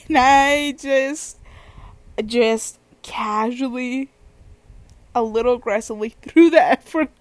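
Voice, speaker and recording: A woman's voice: a little high, no room sound. Chatty giggly young woman with a stuffy nose. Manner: chatty, giggly, rambling storyteller. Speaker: podcast host. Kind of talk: casual solo podcast storytelling.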